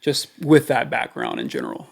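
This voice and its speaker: A man's voice: medium pitch, huge pitch swings, moderate pace, gravelly. A man hosting a studio interview, asking loose, rambling questions full of fillers. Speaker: interview host. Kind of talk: casual interview chat. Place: recording studio.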